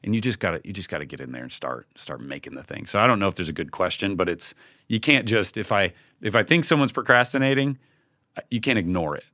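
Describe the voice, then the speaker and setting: In a casual, conversational podcast interview, a team leader speaks candidly and informally, often performing quoted remarks. He talks fast in a lowish, expressive voice with a bright, forceful tone, recorded with studio quality and no room sound.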